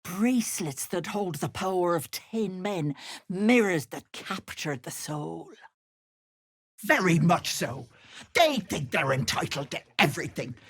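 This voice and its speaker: In a fairly low, slightly rough, exaggerated voice with a bit of brightness, an actress brings an older game character to life: a wicked hag pretending to be a sweet auntie. Very animated but measured in pace, she swings between sugary and sly, menacing lines.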